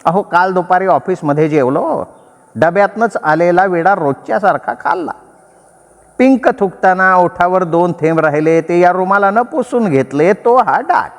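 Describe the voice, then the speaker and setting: Storybook voice: a man doing an anxious, hushed henpecked clerk, pitched up, with echo. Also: expressive, moderate pace. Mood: anxious, pleading. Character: flustered middle-aged henpecked office clerk. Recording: long reverb.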